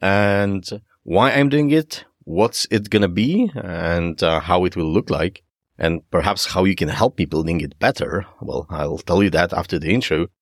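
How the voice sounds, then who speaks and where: Deep-voiced man with a Polish accent. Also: a little slow, dry recording, clean studio sound. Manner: enthusiastic, informal, addressing listeners directly. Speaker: podcast host. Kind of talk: solo podcast presenting, semi-scripted.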